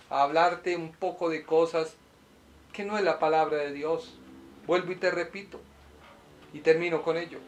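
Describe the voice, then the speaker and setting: A middle-aged man preaching a sermon as a pastor, swinging from loud urging to soft, slow confession, recorded in a small apartment set up as a studio. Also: a little high.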